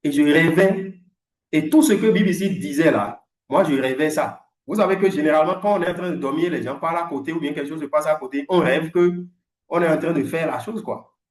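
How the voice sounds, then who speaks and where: A man in his forties teaching English in French, telling a story in an animated, emphatic way. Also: fairly high pitch, a little fast, roomy sound. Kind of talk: lively storytelling lesson.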